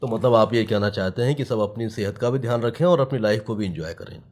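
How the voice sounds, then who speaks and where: A man's voice: on the low side, fast talker, a little mellow. A man hosting an interview, asking courteous, formal questions and often murmuring agreement. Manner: courteous, with frequent affirming murmurs. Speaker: interviewer, host.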